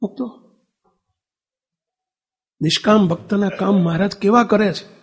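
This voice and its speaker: A religious speaker with a high-pitched, slightly rough voice delivers an unhurried sermon in a big-sounding room. He tells a family story, acting out the family's dialogue, and puts questions to his listeners.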